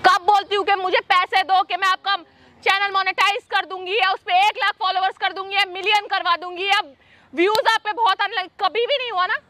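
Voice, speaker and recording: A woman YouTuber vents straight into the camera, indignant and swinging between pleading and threats. Her voice sits very high and rings bright and forceful. She keeps it a direct, emotional address to her viewers. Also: fairly even intonation, brisk.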